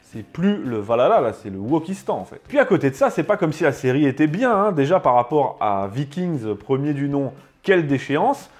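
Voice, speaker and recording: A man's voice: fairly high pitch, very animated, fairly quick, few pauses, darkish tone. Sarcastic French-speaking man ranting about a series. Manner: sarcastic, scornful, emphatic. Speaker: show host reviewing a series. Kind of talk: scripted opinion commentary.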